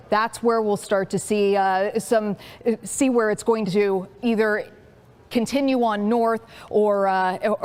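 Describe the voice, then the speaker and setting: Woman forecaster explaining live weather maps. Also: medium pitch. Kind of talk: live unscripted weather commentary.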